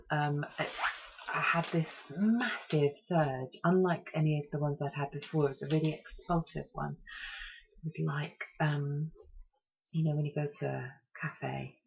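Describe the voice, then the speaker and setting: A woman in her thirties telling her own story in a candid, chatty way, with many ums and pauses, on a muffled home recording. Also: low-pitched, gravelly, a little mellow, slightly rough. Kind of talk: casual personal storytelling.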